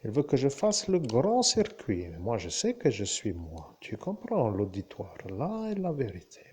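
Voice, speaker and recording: Slow, husky-voiced rambling man. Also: medium pitch, wildly swooping pitch, darkish tone. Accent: Lorraine French. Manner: slow, wandering, addresses listener directly. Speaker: vlogger. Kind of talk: rambling monologue to camera.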